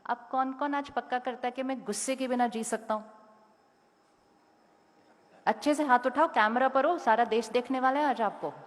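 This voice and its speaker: A woman motivational speaker with a high voice addresses a school audience at a normal pace, pausing often. She questions and instructs the audience directly, and the echoing hall adds a long reverb.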